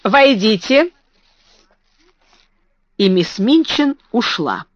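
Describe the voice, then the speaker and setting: A woman narrating an audiobook in an expressive storytelling manner. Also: medium pitch, a little slow, no echo. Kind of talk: scripted narration. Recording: dry, slightly muffled recording.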